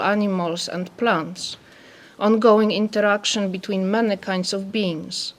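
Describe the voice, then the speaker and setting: A woman from Poland with a Polish accent, an anthropologist speaking softly and carefully as she reads a prepared talk. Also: mid-range voice, a little hiss or hum. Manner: soft-spoken, careful reading.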